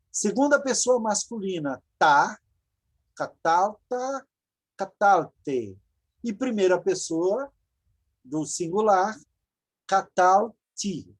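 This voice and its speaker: A woman's voice: mid-range voice, lively intonation, takes it slowly. A Brazilian woman teaching a Hebrew grammar class over a video call, explaining patiently and repeating forms for her students. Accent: Brazilian Portuguese. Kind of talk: online grammar lecture.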